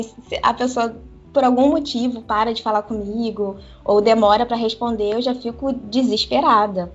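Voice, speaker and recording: A woman in casual chat, candid and animated, laughing often. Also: on the high side. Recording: dull lo-fi sound with faint music.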